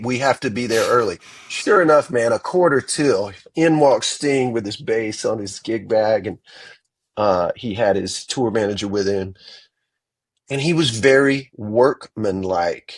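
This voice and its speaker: A man, a guitarist, telling animated stories from his career in an interview, acting out the quoted dialogue. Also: medium pitch, husky, dry recording. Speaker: guitarist guest. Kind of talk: storytelling interview.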